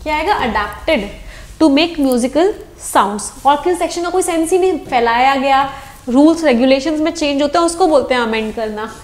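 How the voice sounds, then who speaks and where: A woman's voice: high-pitched, expressive, normal speed, darkish tone, roomy sound. A woman with an Indian accent teaching an online exam-prep English lesson, switching between Hindi and English and quizzing her students. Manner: explains in Hindi mixed with English, asks the class questions.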